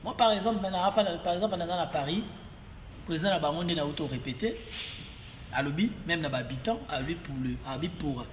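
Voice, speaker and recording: A man's voice: a little high, a little fast. Congolese guy rambling on, lots of fillers and repeats, roomy echo, faint background hum. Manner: rambling, mixing French and Lingala, many fillers and repeats. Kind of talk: casual monologue to camera. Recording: roomy echo, long reverb, faint ambience.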